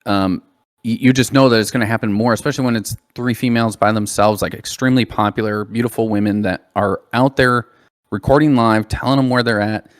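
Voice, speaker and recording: Casual low-voiced man co-hosting a podcast. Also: brisk, dry recording. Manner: animated storytelling, laughs while talking. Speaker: podcast co-host. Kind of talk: casual chat.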